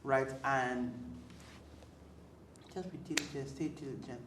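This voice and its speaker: A woman, a podcast guest telling personal stories in an animated, emotional way with frequent restarts. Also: extremely low pitch, takes it slowly. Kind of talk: candid personal conversation. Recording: roomy with faint background noise.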